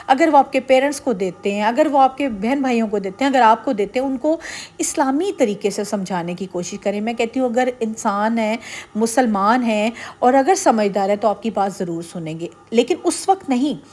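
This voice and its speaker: A woman's voice: a little high, expressive, a little mellow. A middle-aged woman giving earnest, persuasive marriage advice straight to her viewers in a casual vlog. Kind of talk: casual advice talk to camera.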